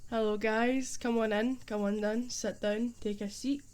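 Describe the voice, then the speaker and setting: A woman's voice: on the high side, steady tone, measured pace, darkish tone. A young woman with a thick Scottish accent, chatting playfully and loosely as a teacher in a spoken role-play. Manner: chatty, playful and rambling, heavy dialect.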